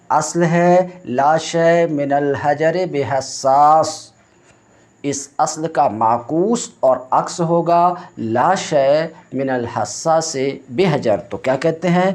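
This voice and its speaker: In a classroom logic lecture, a male religious teacher speaks in a mellow, slightly high voice. His explanation moves one step at a time, broken up by check-in questions and Arabic recitations from the textbook.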